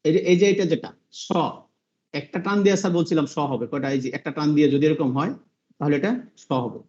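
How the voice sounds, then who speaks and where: Man teaching, high voice, patient, repeats sounds, dull call audio. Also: warm tone. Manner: patient, repeats sounds slowly, asks the class questions. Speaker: English teacher. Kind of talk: online class teaching pronunciation.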